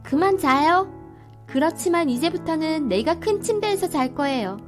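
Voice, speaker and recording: A woman's voice: high voice, expressive, moderate pace, music in the background, voice pushed up. Woman doing cheeky bossy child Lengken. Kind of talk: storybook voice acting.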